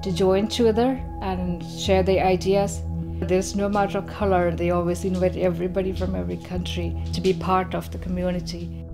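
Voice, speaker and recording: Woman from India, slow emphatic interview talk, music behind. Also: lowish voice, little pitch movement. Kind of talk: documentary interview.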